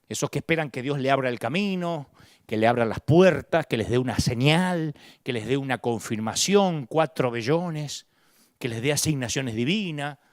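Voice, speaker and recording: A man's voice: medium pitch, expressive, normal speed, dry recording, clean studio sound. A middle-aged man with an Argentine accent preaching a sermon, dramatic and acting out the voices of the people he quotes. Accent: Rioplatense Spanish. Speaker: pastor.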